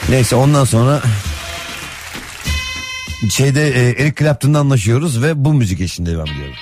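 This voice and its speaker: A man's voice: medium pitch, animated, fairly quick. Playful male radio host over music. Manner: playful, teasing, acts out imagined scenes. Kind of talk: casual comic banter with a co-host.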